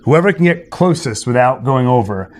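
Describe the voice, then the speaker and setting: In a medium-pitched, slightly mellow voice at normal speed, an expressive man chats casually on a livestream, telling stories and running a quiz with playful remarks to the chat over background music.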